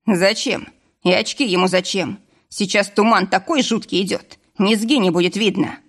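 Woman doing a gruff grumpy forester. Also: medium pitch, normal speed, lightly acted. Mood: grumbling. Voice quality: rough. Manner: scolding, blunt. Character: gruff bearded middle-aged male forester, grumpy.

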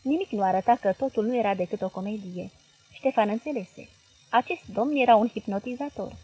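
A woman narrating a literary novel as an audiobook reader, in a measured, expressive way with a husky voice. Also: mid-range voice, rough recording.

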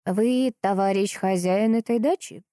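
A woman voicing a shy, kindly old village man who speaks gently and slowly. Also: medium pitch, dry recording, clean studio sound, lightly acted. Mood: gentle.

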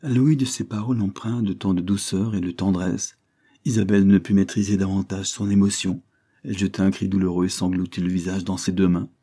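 A man narrating a novel in a measured, expressive reading. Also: low-pitched, slightly rough. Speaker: audiobook narrator. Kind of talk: scripted narration.

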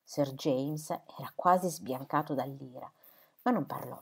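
A woman narrating a classic novel aloud in a steady, measured reading. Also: very deep voice, vocal fry, slightly rough. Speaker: audiobook reader. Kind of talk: literary narration.

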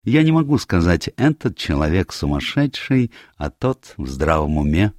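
A man voicing a fussy little Belgian male detective in an audiobook, speaking in a precise, measured, insistent way. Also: low voice, very animated, a little mellow, no room sound, clean studio sound. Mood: grave. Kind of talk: audiobook character voice.

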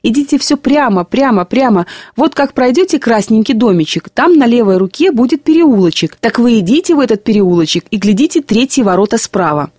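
A woman voicing an incredulous old woman street vendor with a shrill, thin voice and amazed exclamations. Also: animated, brisk, hardly any pauses, darkish tone, no room sound, clean studio sound. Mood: shouting directions.

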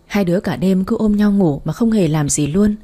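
A woman's voice: medium pitch, normal speed, warm tone. A young woman narrating a first-person story in an intimate, confessional way.

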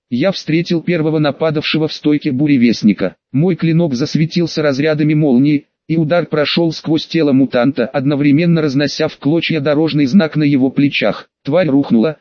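Man narrating an audiobook, slightly high voice. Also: no echo, muffled recording.

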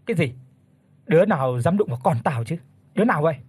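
A man's voice: medium pitch, lively intonation, brisk, darkish tone, breathy edge. Man doing a hot-tempered village father. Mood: angry. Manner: angry blustering.

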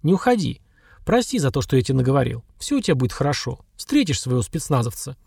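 A male reader playing a young ex-soldier stuck in a wheelchair, bitter and blunt. The voice has a gravelly grain and lively rises and falls. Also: mid-range voice, fast, dry recording, clean studio sound, exaggerated voice. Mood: remorseful. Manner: bitter, blunt, then apologetic. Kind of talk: audiobook dialogue.

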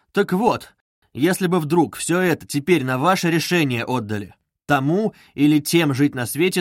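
A man's voice: on the high side, a bit bright, no room sound, pitched above the performer's own voice. A man voicing a brooding, feverish young man who presses his questions insistently, read as an audiobook in a dry studio. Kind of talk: audiobook reading.

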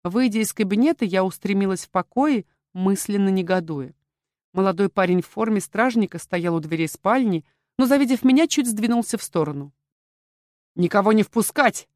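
A woman narrating a first-person novel in a lively, expressive way. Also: medium pitch, brisk, no echo, studio quality.

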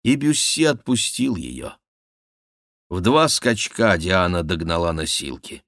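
A man narrating a classic novel in a measured reading. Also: low voice, expressive, fairly bright tone, no echo, clean studio sound. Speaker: audiobook narrator. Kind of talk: scripted literary narration.

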